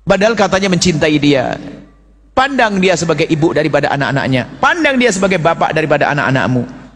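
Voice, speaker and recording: A man's voice: extremely high pitch, a bit bright. A middle-aged male preacher giving a sermon, firing rhetorical questions and teasing and scolding his listeners by turns. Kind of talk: Islamic sermon to a congregation.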